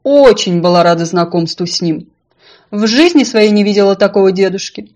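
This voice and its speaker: A woman voicing a sly, self-important female fish in a storybook, calm and unflappable. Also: medium pitch, moderate pace, close to an everyday voice. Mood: grand.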